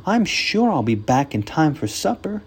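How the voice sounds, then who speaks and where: Reader doing a little girl, high and eager, earnest, soft husky voice. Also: big pitch swings, moderate pace, exaggerated voice. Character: young girl, earnest and brave. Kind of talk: storybook character voice.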